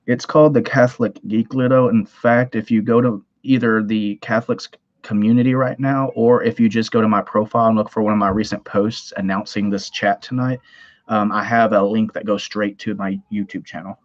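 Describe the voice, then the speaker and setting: A man's voice: on the low side, flat delivery, brisk, lo-fi sound. A man from Tennessee with a Southern twang, hosting a casual livestream chat, rambling, reading comments aloud and laughing easily. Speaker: livestream host.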